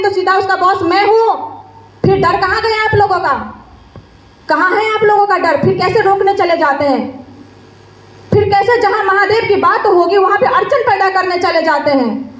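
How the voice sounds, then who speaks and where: A woman with a strikingly high voice preaches an impassioned devotional sermon. She scolds her listeners and keeps firing rhetorical questions at them. Her words ring through an echoey room. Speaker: spiritual speaker. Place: stage before a gathering.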